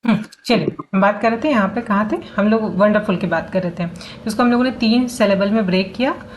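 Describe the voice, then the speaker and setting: A woman's voice: medium pitch, fairly quick. A woman teaching English phonics in a lesson. She breaks words into syllables, sounds them out letter by letter and corrects herself as she goes. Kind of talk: classroom-style lesson explaining syllables. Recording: faint background noise.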